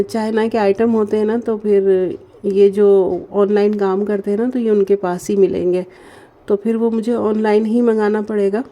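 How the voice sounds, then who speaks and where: Soft-spoken woman with a sore throat. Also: medium pitch. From Pakistan. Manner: slow, gentle and chatty, with many fillers. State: sore throat, speaking softly. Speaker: vlogger. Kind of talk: casual voice-over narration.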